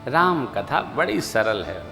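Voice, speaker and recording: A man giving a devotional sermon as a Ram Katha preacher, slow and emphatic, swinging between soft asides and loud rising exclamations, and drawing out chanted scripture verses. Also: mid-range voice, big pitch swings, creaky, faint music behind.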